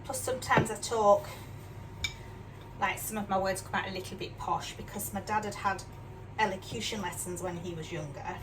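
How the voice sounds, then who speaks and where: Recorded on a distant mic with plainly audible background noise, an older woman from Yorkshire, England, talks at a moderate pace in a medium-pitched voice with a mixed northern English accent. She's a cooking vlogger chatting casually and self-deprecatingly in her home kitchen, frequently finishing sentences with questions.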